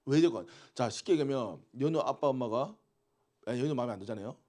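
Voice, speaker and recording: A man's voice: mid-range voice, animated, fast talker, darkish tone. A man preaching to teenagers in a conversational way, often asking them questions and waiting for replies. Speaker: youth pastor. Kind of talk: interactive youth sermon.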